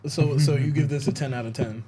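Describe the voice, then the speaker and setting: A man co-hosting a casual podcast, reacting to a film review with quick, jokey interjections. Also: medium pitch, fairly even intonation, background noise. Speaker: podcast co-host. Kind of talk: casual chat.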